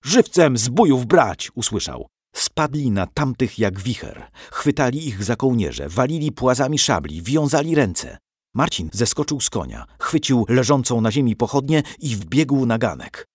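A man giving an expressive, dramatic scripted narration of a historical story. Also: medium pitch, normal speed, slightly rough, no echo, clean studio sound.

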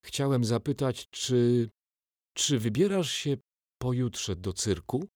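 A man's voice: mid-range voice, expressive, slow, darkish tone, no room sound, clean studio sound, voice pushed up. A man voicing an anxious young boy in a storybook reading, asking hesitantly for help. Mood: anxious pleading. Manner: nervous, hesitant pleading.

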